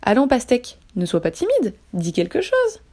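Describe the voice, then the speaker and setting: A regal animal king with a low, quiet, stately voice, coaxing and patient, put on by a woman reading a storybook. He speaks with calm dignity. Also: moderate pace, natural voice. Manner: soft and stately, prone to anger. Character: regal animal king, gentle then furious.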